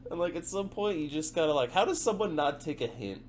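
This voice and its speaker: A man's voice: on the high side, lively intonation, a little fast, a crowd in the background. Profane young man telling work stories. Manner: profane, laughing storyteller. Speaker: podcast co-host. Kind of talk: casual chat.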